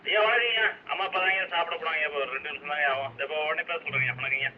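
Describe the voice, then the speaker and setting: A man working as a police control room operator, giving quick, deferential, formal replies over a police radio. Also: fairly high pitch. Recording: muffled police radio with heavy static.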